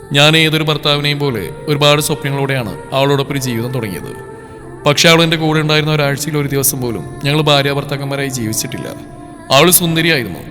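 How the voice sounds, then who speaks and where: A wounded young husband speaks softly and quietly, choked with sorrow, as a man voices him. His voice is bright, with a long reverb and faint music behind it. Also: a little high.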